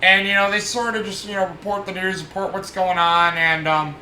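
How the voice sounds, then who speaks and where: A man's voice: high voice, level tone, fairly quick, sharp tone. A man hosting a casual movie review, rambling with many fillers and restarts as he retells scenes. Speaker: movie podcast host. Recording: echoey room with faint noise.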